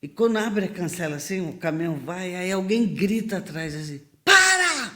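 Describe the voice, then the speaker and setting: Animated Brazilian woman telling stories. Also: lowish voice, a little fast. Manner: animated, acts out quoted voices, laughs often. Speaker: guest missionary. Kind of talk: lively storytelling in a podcast interview.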